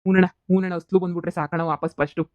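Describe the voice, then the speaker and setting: A man's voice: high-pitched, flat delivery, no room sound, muffled recording, lightly acted. A man voicing a broke, distraught village gambler. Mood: despairing. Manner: pleading, rapid rural talk. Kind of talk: cartoon comedy dub.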